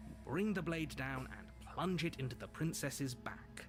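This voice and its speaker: A man voicing a grave, insistent narrator in a video game, deliberate and disapproving. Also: a little high, close to an everyday voice. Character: stern, insistent male storybook narrator guiding the hero. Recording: narration over loud game music.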